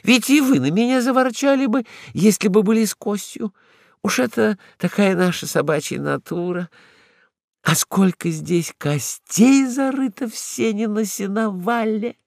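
A sly, cheeky stray lady dog, put on by a male reader, talks in a raised, singsong voice that climbs and falls a lot. She sounds coy and innocent. The voice is dry and close, with a gravelly edge. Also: high-pitched, sing-song, unhurried, no room sound, pitched above the performer's own voice, exaggerated voice.

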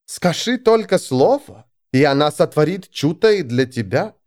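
Man doing a brash loud warrior woman. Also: very animated, normal speed. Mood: boisterous. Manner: loud, crude, exaggerated high voice. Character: brash loud female warrior, crude and boisterous.

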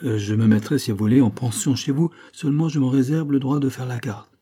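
A man's voice: medium pitch, fairly quick, mellow, husky, close to an everyday voice. A man reading a novel aloud, voicing a cheeky young man who talks with mocking, pompous grandeur.

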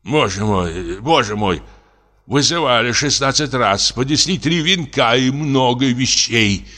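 A man voicing a drunk, frightened old comic actor in his late fifties, speaking in a slow, trembling, self-pitying lament. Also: medium pitch, lively intonation, sharp tone, long reverb tail, voice pushed up. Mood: pleading. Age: older. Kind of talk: audiobook character reading.

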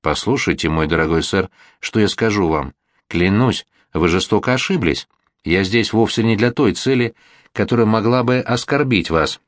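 A self-assured gentleman speaks in a calm, reasoning way, as a man reading an audiobook voices him. The voice is low. The recording is dry and close. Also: normal speed, dry recording, natural voice. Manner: composed and reasoning.

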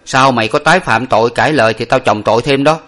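A man's voice: medium pitch, quick pace, fairly bright tone, close to an everyday voice. A man voicing a stern young male master who scolds his servant. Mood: scolding.

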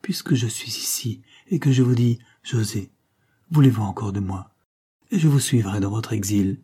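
A man's voice: fairly low pitch, moderate pace, warm tone, slightly rough. A man voicing a scheming, cruel Creole woman with a sugary, coaxing delivery in a read-aloud novel.

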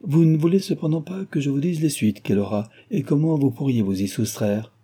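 A man's voice: fairly high pitch, brisk, dark tone, husky, pitched above the performer's own voice. A man reading aloud, voicing a grave older family friend who warns and admonishes. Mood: admonishing.

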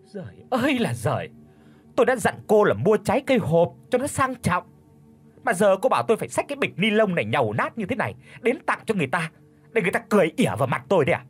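A man voicing a spiteful old woman, a bullying mother-in-law, in a shrill, sharp-tongued scolding voice. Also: big pitch swings, husky, soft background music, full character voice. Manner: scolding, fast accusing questions. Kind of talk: audiobook character voice.

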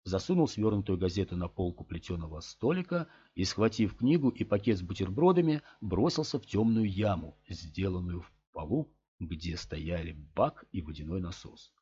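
A man with a low voice narrates an audiobook in a steady, measured way. The recording is dull and lo-fi. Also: a little hiss or hum. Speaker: audiobook reader.

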